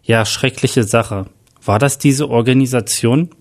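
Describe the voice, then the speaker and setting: A man voicing a hot-tempered male detective under pressure in an audio crime story, speaking in curt, slow, clipped lines. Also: mid-range voice, close to an everyday voice. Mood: angry.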